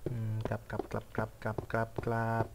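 A man's voice: lowish voice, monotone, a little fast, creaky, heavy background noise. A young man chatting casually and rambling while he plays a game, mocking himself and muttering at what happens on screen. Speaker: gaming vlogger. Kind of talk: casual chat while playing.

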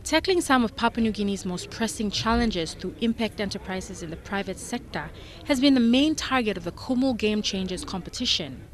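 A woman's voice: medium pitch, lively intonation, fairly quick, faint music behind. Woman reading a news report. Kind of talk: scripted narration.

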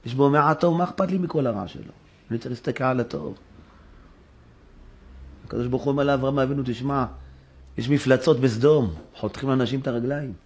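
Husky-voiced and pausing often, a rabbi preaches animatedly in a synagogue, acting out dialogue with sudden high-pitched exclamations.

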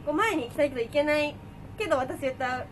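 A young woman from an idol group chats casually, teasing and laughing as she goes. Her voice is high. Background noise is clearly audible. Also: animated, fast talker. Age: young adult. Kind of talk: casual chat.

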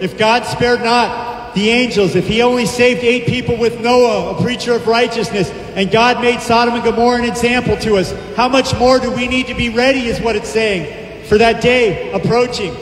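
A middle-aged man preaching a street sermon in a park through a handheld microphone and loudspeaker, declaiming scripture emphatically. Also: very high voice, fairly even intonation, moderate pace, a little hiss or hum. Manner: emphatic, declaiming scripture with frequent praise interjections. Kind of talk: open-air street sermon. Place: outdoor park by palm trees. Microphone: handheld microphone through a loudspeaker, far camera. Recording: echoey amplified sound outdoors with hall-like reverb.

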